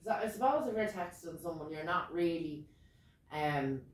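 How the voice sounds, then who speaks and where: Irish female co-host, lower-pitched and animated, casual chat, off-mic in a reverberant room. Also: moderate pace. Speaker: podcast co-host. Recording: echoey room, distant mic.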